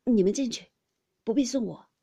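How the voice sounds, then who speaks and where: Storybook role: proud young male swordsman, blunt and cool, lively delivery, voiced by a female reader. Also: medium pitch, normal speed, vocal fry, husky, full character voice.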